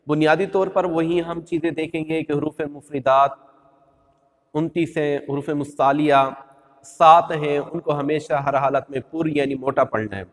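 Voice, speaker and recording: A man's voice: a little high, steady tone, long reverb tail. A man with a Pakistani Urdu accent teaching Quran letters, patiently repeating the rules and stretching out each letter sound. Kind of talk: step-by-step recitation lesson.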